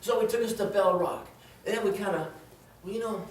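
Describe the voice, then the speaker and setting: A man with a high voice and fairly even intonation speaks briskly as a storyteller in a tall tales contest. Performing his comedic story for a live indoor audience, he goes big with exclamations and acted-out quotes, captured by a distant mic in a noisy, echoey room.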